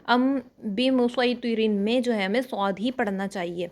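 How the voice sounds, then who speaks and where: A woman teaching Quran recitation rules, explaining patiently step by step, often checking that her students follow, and chanting Arabic words slowly and drawn out. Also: fairly high pitch, a little mellow. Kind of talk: online tajweed lesson.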